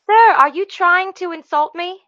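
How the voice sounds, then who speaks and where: An actress playing a smug, obstructive office receptionist who talks in an officious, condescending way in a comedic short film. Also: female voice, sits high, lo-fi sound, close to an everyday voice. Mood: haughty, officious. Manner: officious, condescending, deliberately obtuse.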